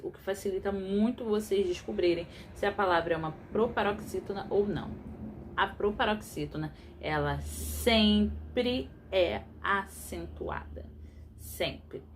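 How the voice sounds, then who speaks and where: A woman, a primary school teacher explaining a lesson to young pupils slowly and patiently, often checking that they follow. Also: medium pitch. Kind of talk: recorded remote class explanation.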